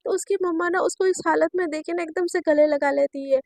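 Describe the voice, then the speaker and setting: A woman's voice: extremely high pitch, steady tone, brisk, creaky, darkish tone, no room sound. A woman narrating a romance story in a chatty, casual way, mixing in English words and talking to listeners.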